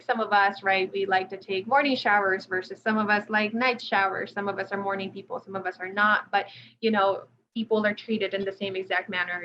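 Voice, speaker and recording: A woman's voice: medium pitch, pushed and bright. Woman clinician presenting a webinar, loose conversational delivery full of fillers, lo-fi audio. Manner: conversational, many fillers and restarts. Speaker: occupational therapist presenting a webinar. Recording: dull lo-fi audio, faint noise.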